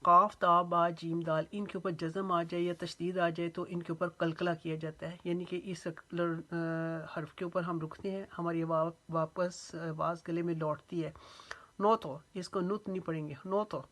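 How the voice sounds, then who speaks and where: A woman teaching Quran recitation rules, slowly drawing out recited phrases and then explaining each rule patiently. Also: lowish voice, flat delivery, a bit bright. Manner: breaks words into syllables and draws out recited phrases slowly. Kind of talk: tajweed lesson with slow recitation.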